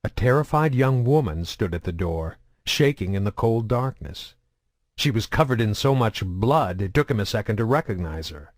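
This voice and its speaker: A man narrating a science fiction novel in a steady, measured reading style. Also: lowish voice, no echo, clean studio sound. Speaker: audiobook narrator. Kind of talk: audiobook narration.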